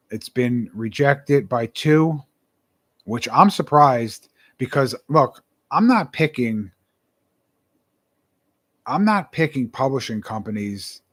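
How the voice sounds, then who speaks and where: A young man, a self-published author, talking casually and earnestly to camera, rambling and repeating his words. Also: medium pitch.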